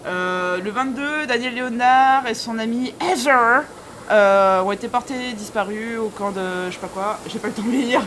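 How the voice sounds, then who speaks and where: A woman's voice: on the high side, moderate pace, fairly bright tone, a little hiss or hum. A woman streaming a horror game live, chatting informally and jokingly to viewers with scared, easily startled reactions.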